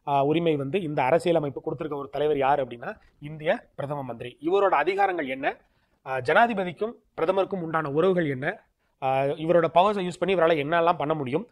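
Brisk male teacher. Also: on the high side. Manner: tags lines with a checking "okay?", mixes English terms into his explanations; reads English definitions out slowly. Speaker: exam coaching teacher. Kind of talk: recorded lecture over slides.

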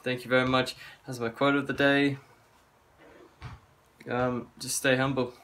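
Young man vlogging, fairly flat delivery. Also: mid-range voice, measured pace. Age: young adult. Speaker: fitness vlogger. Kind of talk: casual chat to camera. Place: small carpeted room at home, indoors.

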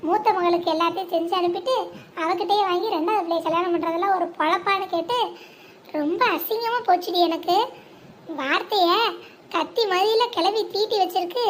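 A very high, piping voice from a bossy village woman who talks with a lilt. She scolds and insists, leaning hard on every complaint, over a faint hiss of background noise. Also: brisk. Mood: indignant. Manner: scolding, emphatic, colloquial. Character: outspoken, indignant village woman, an older sister to her friends. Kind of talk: animated village drama.

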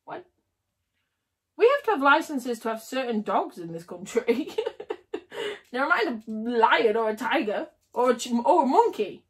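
A woman livestreaming casually, chatting and giggling with viewers while she builds. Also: a little high. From United Kingdom.

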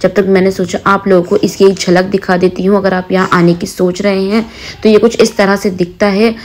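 A young woman talks through her outing in a relaxed, chatty voice-over. She describes the places and food in an easy, conversational way, as a vlogger speaking to her viewers. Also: mid-range voice, fairly quick, slight background noise. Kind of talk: travel and food vlog voice-over.

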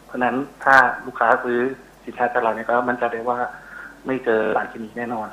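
Over a rough telephone line, this middle-aged man talks fast in a mid-range voice with little pitch movement, sounding pushed and bright. He's a university researcher explaining things as an interview guest and frequently hunts for the right word.

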